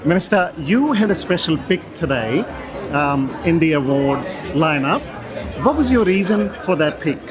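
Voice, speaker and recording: A man's voice: on the high side, lively intonation, unhurried. A man interviewing guests at an awards event in a friendly, effusive manner. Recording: event with music and crowd chatter.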